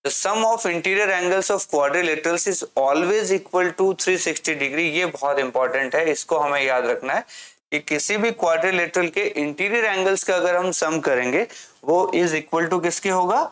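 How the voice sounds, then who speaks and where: Reading English aloud slowly, a male maths teacher explains a lesson to his class, putting questions forward and answering them himself. He speaks with a voice on the high side and a fairly bright tone.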